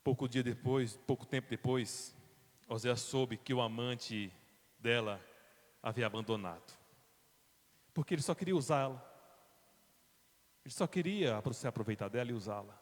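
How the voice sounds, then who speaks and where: A man with a Brazilian accent, a pastor telling a Bible story in a sermon, dramatic, moving from quiet to loud. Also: mid-range voice, moderate pace, pauses often. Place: church. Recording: long church reverb.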